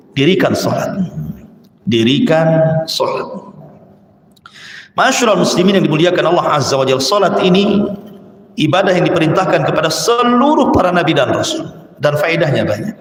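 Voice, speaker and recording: A man delivers a sermon in a fairly high voice, acting out the voices of the people in his stories. He sounds roomy and echoey, as if recorded in a large hall with long reverb. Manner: animated storytelling, mimics voices in anecdotes. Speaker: preacher.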